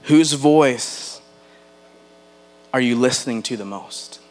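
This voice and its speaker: Man, pastor, sermon, earnest, deliberate emphasis, questions to the congregation, faint mains hum. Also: mid-range voice. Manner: earnest preaching, slowing to stress key words; addresses the congregation directly with questions.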